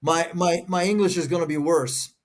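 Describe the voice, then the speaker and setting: Reading scripture as a co-host, this man, a native Portuguese speaker, keeps stopping to examine each phrase in a relaxed conversation. He talks at normal speed in a higher voice with fairly even intonation.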